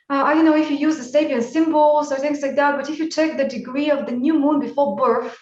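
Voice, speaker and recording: A high-voiced woman hosts an online group call, talking in a halting way with many restarts. Her bad connection keeps breaking up and garbling the audio. She sounds distant and dull, in an echoey room. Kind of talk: casual group video call. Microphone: video call.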